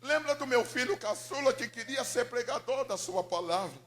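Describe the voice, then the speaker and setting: A man's voice: very high voice, animated, moderate pace, a bit bright, voice pushed up. A man voicing a frail elderly mother who prays desperately for her lost son, her pleading rising to cries. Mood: pleading prayer.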